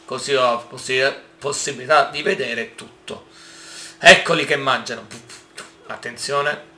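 A man giving casual gameplay commentary, excitable and exclaiming often as he talks to his viewers. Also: medium pitch, measured pace, roomy sound, a little hiss or hum. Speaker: gaming YouTuber.

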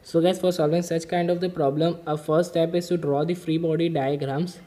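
A man's voice: on the high side, flat delivery, brisk, warm tone. A man explaining an engineering mechanics problem step by step while drawing diagrams, methodical and patient. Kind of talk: whiteboard-style problem-solving lesson.

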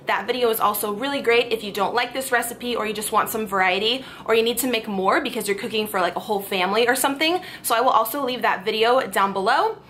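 This lifestyle vlogger, a woman in her twenties, has a sharp tone on the high side and chats upbeat to camera, peppering her speech with ums and likes for a voice-over cooking tutorial. Slight background noise is present. She's filmed waist up in her bedroom, a clothes rack at her back.

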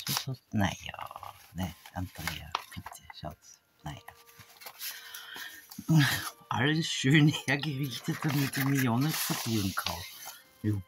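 Slow, gravelly woman musing softly. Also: rumbling low, heavy background noise. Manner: slow, musing, half-whispered reading aloud. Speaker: craft vlogger opening an advent calendar. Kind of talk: casual unboxing chat. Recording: soft background music.

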